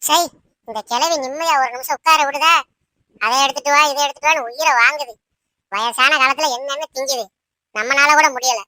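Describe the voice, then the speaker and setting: A woman's voice: sits high, a little fast, sharp tone, dry recording. A woman voicing a put-upon young daughter-in-law in a cartoon, pleading and grumbling under her breath. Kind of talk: cartoon voice acting.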